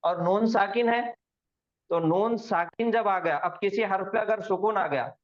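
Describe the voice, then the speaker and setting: Male teacher on a video call, high-pitched, slow drills and quiz questions, lo-fi audio. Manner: slow, repeats words for students to echo and quizzes them. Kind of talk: online Quranic Arabic recitation lesson. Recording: dull lo-fi online class audio.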